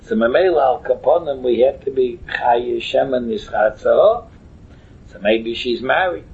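A very husky man with a Yiddish accent takes his time leading a religious lesson. He halts, repeats himself and rephrases as he explains the text in an informal, storytelling way. The sound is thin and boxed-in, like a telephone connection. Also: medium pitch, lively intonation, unhurried, a little mellow. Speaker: Talmud teacher. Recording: muffled, thin phone-like line.

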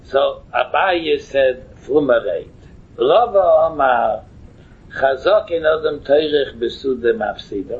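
Husky Yiddish-accented man teaching, thin phone-like sound. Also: mid-range voice, darkish tone. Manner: halting, repeats and rephrases, storytelling asides. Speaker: Talmud teacher. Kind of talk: informal religious lesson, explaining a text line by line. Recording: muffled, thin phone-like line.

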